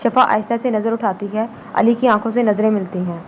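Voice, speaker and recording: A woman narrating a novel as an audiobook, in a calm, even storytelling manner. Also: medium pitch, a little hiss or hum. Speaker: novel reader.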